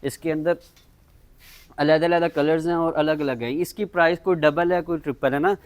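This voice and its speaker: Higher-pitched man giving a shop sales pitch. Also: fairly even intonation, normal speed. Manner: repetitive selling patter, repeating prices and checking phrases. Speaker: shop salesman presenting stock. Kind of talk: informal sales pitch in a product showcase video.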